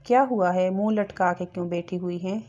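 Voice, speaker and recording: A woman reading a gentle teasing young husband. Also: fairly low pitch, steady tone, dull audio, slight background noise, lightly acted. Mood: tender. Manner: soft, gentle questioning.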